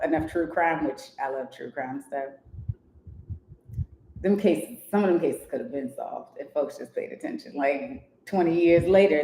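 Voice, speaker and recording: Woman co-host, low voice, animated aside-heavy reading, faint background hum. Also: reverberant, poor audio. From Columbia, Maryland. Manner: animated, joking, interrupts to critique. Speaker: podcast co-host. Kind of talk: reading a story aloud with commentary.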